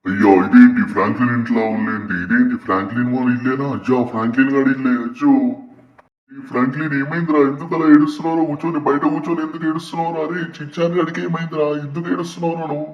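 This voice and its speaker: A man's voice: medium pitch, steady tone, rapid-fire, natural voice. A brash armored superhero, played by a man, rattling off his lines at a breakneck pace. He sounds far from the mic, in a dull, lo-fi recording with a roomy echo. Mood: alarmed. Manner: brash, threatening, then apologetic. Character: armored superhero man, hot-tempered then remorseful. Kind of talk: gaming cartoon voiceover. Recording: distant, dull, echoey lo-fi audio.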